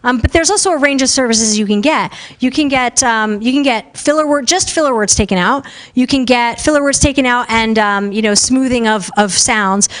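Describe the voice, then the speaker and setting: A young woman speaks at a conference in a loud, chatty way that keeps tumbling forward with fillers. Her voice sits a little high. She talks casually and directly to the room. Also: normal speed, few pauses. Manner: loud, talkative, lots of fillers. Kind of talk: casual live talk. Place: conference room with a live audience.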